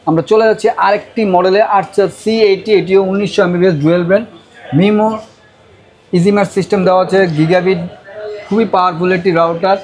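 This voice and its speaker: A man with a Bangladeshi accent delivering an insistent hard-sell shop pitch, repeating prices and offers. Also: steady tone, fast talker, darkish tone, rough recording. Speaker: router seller presenting deals.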